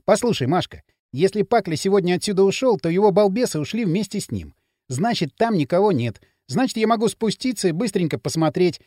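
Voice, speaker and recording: A man's voice: sits high, lively intonation, brisk, mellow, dry recording, clean studio sound, voice pushed up. A man playing a brave, hot-headed teenage boy, impatient and defiant.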